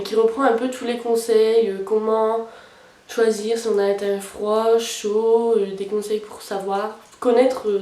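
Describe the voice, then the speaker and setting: A woman's voice: fairly high pitch, warm tone, far from the mic. A young woman talking through her makeup routine in a casual, hesitant way, with many fillers. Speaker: beauty vlogger. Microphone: camera mic at a distance. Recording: roomy sound, camera set back.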